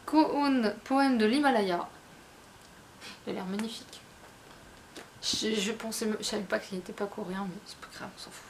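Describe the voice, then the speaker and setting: A woman's voice: mid-range voice, normal speed, long pauses, noisy background. A woman chatting casually, rambling with many fillers and restarts. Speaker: book vlogger. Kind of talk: casual chat.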